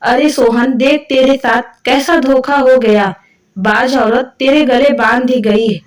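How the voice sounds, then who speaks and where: Storybook role: insistent traditional mother-in-law, read by a woman narrator, higher voice, distant mic. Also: fairly even intonation, a little slow. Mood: shocked. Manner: scolding, insistent. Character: strict traditional middle-aged mother-in-law.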